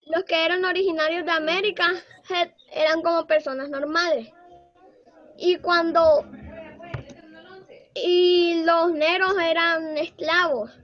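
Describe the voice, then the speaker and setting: Very high-pitched hesitant student. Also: female voice, steady tone, takes it slowly, muffled recording. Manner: hesitant, asks questions.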